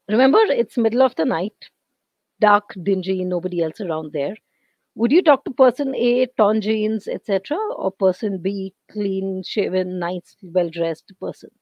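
An Indian English woman gives an online lecture, explaining step by step. Her voice is hoarse and she keeps clearing her throat. The computer-mic audio is dry and a little dull. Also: mid-range voice, lively intonation, unhurried, no echo. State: losing her voice.

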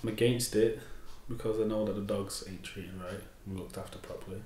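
Plain-spoken young man, deep. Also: steady tone, a little fast, a little mellow, echoey room, slight background noise. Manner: plain-spoken, slang-using. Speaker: interviewee. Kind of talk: casual interview answers. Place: indoor room, seated in armchair.

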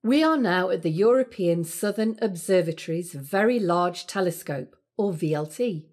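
A woman playing a calm spacecraft captain, narrating a scripted planetarium tour with a steady, measured cadence. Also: lowish voice. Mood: calm, guiding.

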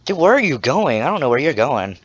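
A man's voice: mid-range voice, very animated, brisk, breathy edge. A teenage boy with a slight lisp from braces, giggling and rambling as he plays a game with a friend. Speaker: co-player guest. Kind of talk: casual game chat. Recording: dull, muffled mic.

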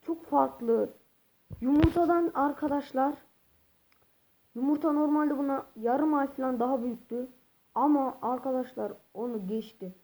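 A woman's voice: high-pitched, unhurried, mellow, low-quality recording. A woman vlogging casually while handling ducks, rambling, calling her viewers friends and correcting herself. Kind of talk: casual vlog talk to viewers.

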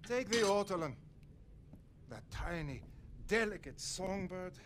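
A cruel middle-aged German officer who savors every slow, mocking word. His pitch swings lively as he toys with his guest. The game audio has a steady noisy hiss behind him. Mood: gloating. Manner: silky, mocking, relishing menace.

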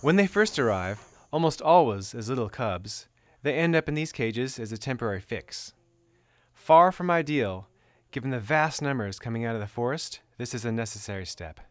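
A man's voice: medium pitch, animated, moderate pace, no room sound. A man reading scripted nature documentary narration.

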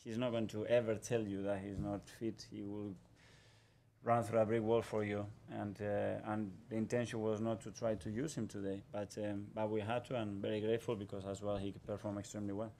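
A football manager in his forties speaks into a table microphone in a press room. His low voice stays flat and even. He gives measured, guarded answers and repeats his phrases. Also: slight background noise. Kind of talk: post-match press conference answers. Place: press conference room in front of a sponsor backdrop.

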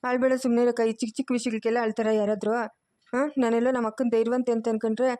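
Brief: woman voicing a coaxing relative in a cartoon, rural Chikkaballapur Kannada accent, quick and mellow. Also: on the high side, level tone, no room sound, clean studio sound, natural voice. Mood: pleading. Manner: pleading, coaxing. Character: worried family member consoling a relative. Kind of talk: cartoon family drama acting.

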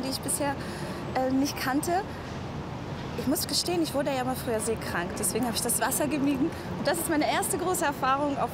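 A Brazilian-born woman in her thirties, a TV presenter chatting excitedly to the camera outdoors on a ship deck. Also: high voice, heavy background noise. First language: Portuguese. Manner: bubbly and excited. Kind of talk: casual travel-show chat to camera. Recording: loud music bed underneath.

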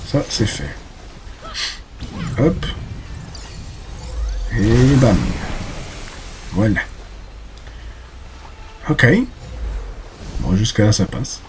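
A man's voice: lowish voice, sing-song, extremely slow, long pauses, noisy background. Chatty man commentating a game. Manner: chatty, talks to himself, exclaims and curses during fights. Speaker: gameplay commentator. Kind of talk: casual let's play commentary.

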